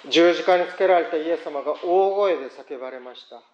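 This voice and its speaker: A man's voice: fairly high pitch, brisk, a little mellow, roomy sound, a little hiss or hum. Male pastor, earnest sermon, slightly muffled church recording. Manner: earnest, reflective preaching. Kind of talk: prayer and sermon.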